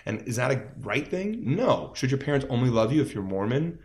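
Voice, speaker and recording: A man's voice: mid-range voice, big pitch swings, a little fast, a little mellow. A man from Las Vegas, a musician guest in a casual interview, telling stories in a rambling way with many fillers. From Las Vegas, United States.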